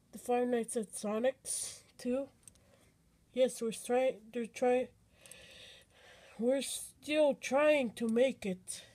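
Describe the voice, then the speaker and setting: Slow, halting high-voiced woman. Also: dark tone. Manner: halting, many fillers and restarts. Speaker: home video maker. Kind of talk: casual improvised home movie talk. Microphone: phone camera.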